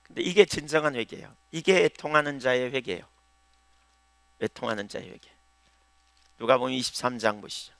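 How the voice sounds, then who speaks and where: A man pastor preaching a sermon, swinging from loud emphatic lines to hushed, pleading prayers. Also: mid-range voice, lively intonation, brisk, vocal fry, pauses often, no echo.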